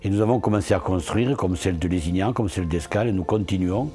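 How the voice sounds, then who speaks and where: This elected official, a man with a fairly deep voice, talks at a quick clip about local accomplishments. His delivery is sincere and oratorical in the style of a promo interview, and gentle music can just be heard underneath.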